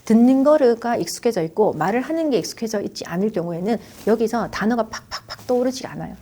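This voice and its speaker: A woman, a child education expert, calmly explaining parenting advice in an interview and acting out what a parent might say to a child. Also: fairly high pitch, fast. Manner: calm explaining, acts out parents' questions to a child.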